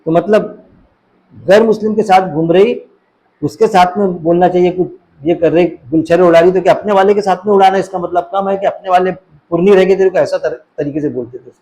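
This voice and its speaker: Man, high voice, casual sermon, rhetorical questions. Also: brisk, dark tone, rough recording. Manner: conversational, rhetorical questions, mimics voices in anecdotes. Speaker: Islamic preacher. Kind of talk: informal religious talk.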